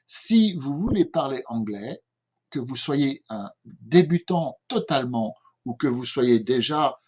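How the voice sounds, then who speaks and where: A dull lo-fi recording captures an older French English teacher with a French accent in a patient home-made lesson. His mid-range voice is slightly mellow with a breathy edge, lively in intonation and slow in pace. He repeats himself and often asks "d'accord?" to check on listeners.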